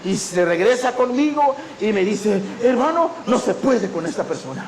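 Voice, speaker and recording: A male pastor preaching with a high, lifted voice, telling stories and acting out the people in them. The sound rings around an echoey church hall. A faint hum of noise sits underneath. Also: sing-song, moderate pace. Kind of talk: sermon.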